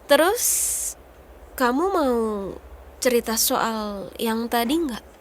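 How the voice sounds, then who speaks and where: A woman voicing a timid, gentle, awkward young woman in a cartoon dub. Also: a little high, animated, takes it slowly, a little hiss or hum. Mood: hesitant.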